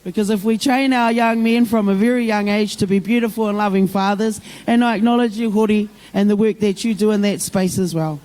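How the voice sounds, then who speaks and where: Over a low-quality recording, a middle-aged woman with a broad New Zealand accent talks a little fast, with hardly any pauses, in a mid-range, slightly mellow voice with fairly even intonation. It is an off-the-cuff speech to a community gathering, plain-spoken and motherly, mixing English with Māori phrases and peppered with endearments.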